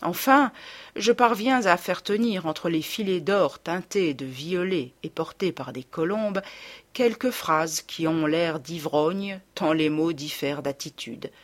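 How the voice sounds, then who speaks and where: A woman narrating a classic novel in the first person, with wry, expressive storytelling. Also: fairly low pitch, takes it slowly. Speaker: audiobook narrator. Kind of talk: scripted literary narration.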